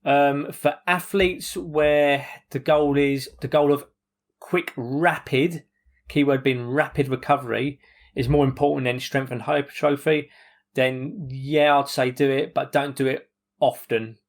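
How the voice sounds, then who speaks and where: A man's voice: mid-range voice, fairly even intonation, measured pace. A British man co-hosting a podcast, chatting casually about sports recovery. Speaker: podcast co-host.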